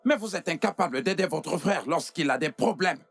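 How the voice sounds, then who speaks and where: An actor dubbing a sharp-tongued male doctor who scolds and mocks an intruder, threatening to throw him among the corpses. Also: fairly high pitch, lively intonation, fairly quick, slightly rough, faint music behind. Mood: scolding. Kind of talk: dubbed film acting.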